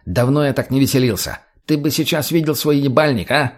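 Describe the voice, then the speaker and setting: A man's voice: medium pitch, brisk, pitched above the performer's own voice, lightly acted. A man doing a foul-mouthed addict thug. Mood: aggressive. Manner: barking, profane, blunt. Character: crude foul-mouthed male drug addict thug, short-tempered.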